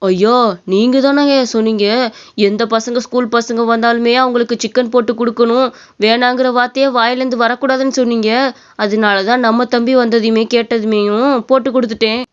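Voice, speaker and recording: A humble, soft-hearted shop worker from a cartoon story pleads with his boss, voiced by a woman. The voice sits fairly high and sounds smooth and clear. The audio is dull and lo-fi. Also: steady tone, brisk, lightly acted. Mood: earnest. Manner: pleading, deferential.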